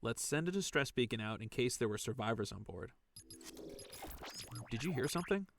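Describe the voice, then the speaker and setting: A man's voice: mid-range voice, expressive, normal speed, slight background noise, natural voice. A man playing a conscientious, cautious and inquisitive salvage worker in a science fiction audio drama. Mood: curious, wary.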